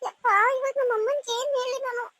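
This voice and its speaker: A woman voicing a very high-pitched college girl. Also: fairly bright tone, no echo, rough recording. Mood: anxious. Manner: quick back-and-forth, scolding and pleading. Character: young female college students, chatty and emotional. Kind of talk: cartoon voice acting.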